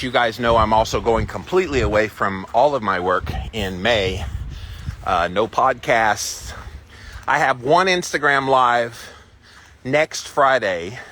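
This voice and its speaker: A man vlogging live in a casual, upbeat way, talking to his viewers in halting short phrases. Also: on the low side, a bit bright. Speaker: vlogger livestreaming a daily ice bath challenge. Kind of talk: casual chat to livestream viewers. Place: villa on vacation, in and around bathroom. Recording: background noise, sometimes echoey small room.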